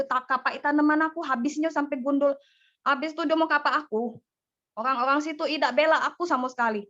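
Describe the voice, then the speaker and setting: A woman, giving a casual personal testimony to her church community, animated and full of fillers. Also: sits high. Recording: dull lo-fi audio.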